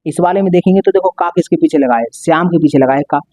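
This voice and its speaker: Patient man explaining maths, dark dry voice. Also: fairly high pitch, fast talker, no room sound. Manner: repetitive, step-by-step explaining, stretches out key words. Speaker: maths teacher. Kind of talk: explaining a maths lesson at a board.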